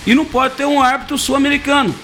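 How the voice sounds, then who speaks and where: A man's voice: very high-pitched, flat delivery, quick pace, pushed and bright, faint music behind. A man from Brazil doing casual, joking sports talk as a radio commentator, teasing his co-hosts.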